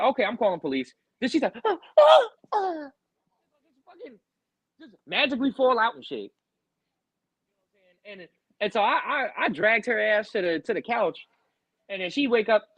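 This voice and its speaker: A young man hosting a podcast, telling a story in a loud, profane rant and acting out what people said. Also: high-pitched, dry recording, low-quality recording. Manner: animated, profane, loud outbursts acting out quotes. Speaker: podcast host.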